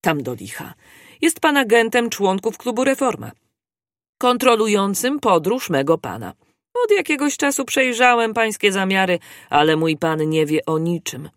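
A reader voicing an excitable young male manservant who has been drinking and bursts out loudly. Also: mid-range voice, moderate pace, no room sound, clean studio sound, voice pushed up, natural voice. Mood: confiding. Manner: loud, impassioned outbursts.

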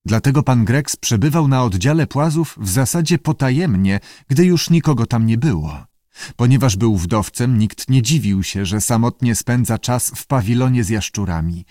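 Measured male audiobook narrator. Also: mid-range voice, no room sound, studio quality. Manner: steady, measured. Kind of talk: audiobook reading.

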